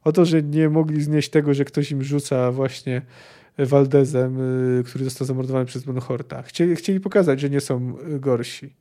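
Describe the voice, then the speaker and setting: A man's voice: medium pitch, steady tone, moderate pace, warm tone. Hesitant man discussing a novel. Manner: hesitant, thinking aloud with many fillers. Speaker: podcast host. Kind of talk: book discussion podcast with read-aloud passages.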